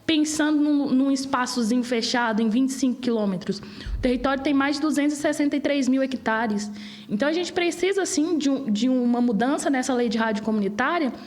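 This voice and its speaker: A woman in her late twenties with a Brazilian Portuguese accent, a guest arguing her points passionately in an interview. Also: high-pitched. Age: 20s. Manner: passionate, animated argument.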